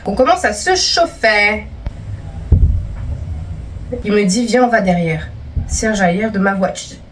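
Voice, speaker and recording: A woman's voice: mid-range voice, sing-song, measured pace, recorded from a distance. A young woman vlogger reading out viewer stories and teasing them in casual, playful chat.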